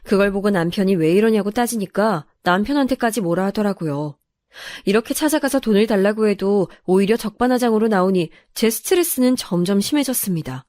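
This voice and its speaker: A woman's voice: mid-range voice, lively intonation, brisk, a little mellow, dry recording. A woman narrating a true first-person family story, in an aggrieved, confiding manner.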